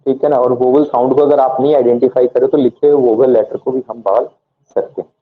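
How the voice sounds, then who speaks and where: A man's voice: mid-range voice, steady tone, brisk. Guy teaching english grammar, keeps asking then answering himself, tinny lo-fi audio. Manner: asks the class questions and answers them himself, spells words letter by letter. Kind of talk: classroom grammar lesson.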